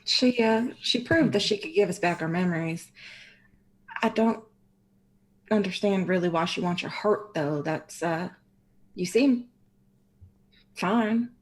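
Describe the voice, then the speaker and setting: A woman's voice: fairly low pitch, measured pace, pauses often, low-quality recording. A woman playing a tabletop game, casually narrating her character and speaking as her.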